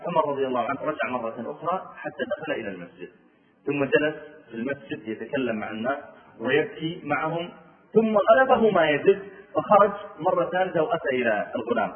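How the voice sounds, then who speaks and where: A man telling a story in a sermon, animated and acting out the voices of the people in it. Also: a little high, quick pace, reverberant, recorded from a distance. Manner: animated, acts out the quoted voices, breaks into explanation. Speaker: preacher. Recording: tinny phone-like line.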